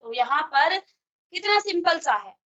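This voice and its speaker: A woman's voice: extremely high pitch, expressive, a little slow, sharp tone, dull audio. A woman teacher giving a classroom grammar lesson, explaining step by step and asking questions she then answers herself. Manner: explains step by step, often asks and answers her own questions. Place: virtual classroom studio.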